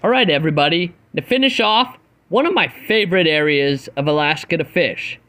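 A man's voice: on the high side, brisk, bright, forceful tone, a little hiss or hum. Upbeat man narrating a voice-over. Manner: upbeat, recommending. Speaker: fishing vlogger.

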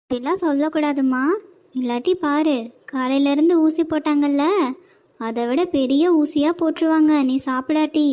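Cartoon mom, tender, coaxing and soothing, high soft voice; a woman voices her. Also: fairly even intonation, normal speed, natural voice.

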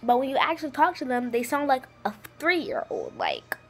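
A female vlogger talking in a chatty, slangy, animated way in a casual comedy video. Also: high voice, moderate pace, slightly rough, soft background music.

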